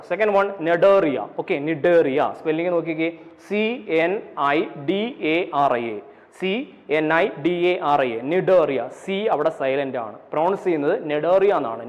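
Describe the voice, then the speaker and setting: A man with a Malayali accent teaches a class in a fairly high voice, repeating himself and spelling words out letter by letter. He slows right down to dictate definitions. The audio is dull and carries a long echo. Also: a little mellow. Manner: repetitive, asks and answers his own questions, spells terms letter by letter. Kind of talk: classroom lecture.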